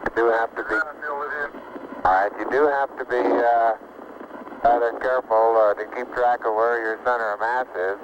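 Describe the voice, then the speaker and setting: A man reporting as an astronaut over a radio link with static bursts, measured and halting with frequent pauses. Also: medium pitch, steady tone. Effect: radio transmission with static bursts. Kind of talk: radio report while working. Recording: lo-fi archival radio, loud static.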